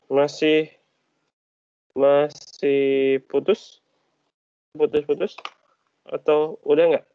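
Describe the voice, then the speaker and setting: A man's voice: fairly high pitch, level tone, very slow, dark tone, clean tone, dull audio. A man teaching an online class while his call audio keeps breaking up. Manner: patient, asks class questions. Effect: choppy, breaking-up online call audio. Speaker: lecturer.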